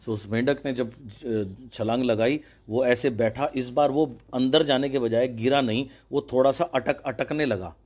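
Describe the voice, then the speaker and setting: A man's voice: mid-range voice, unhurried, hardly any pauses, darkish tone. Guy giving a motivational talk, tells a story, punchy and emphatic, drops english phrases in. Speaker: motivational speaker.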